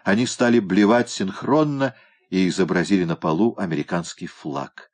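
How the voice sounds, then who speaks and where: A man reads a story aloud in a steady, measured way. His voice sits on the low side and never hurries. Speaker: reader. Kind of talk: audiobook narration.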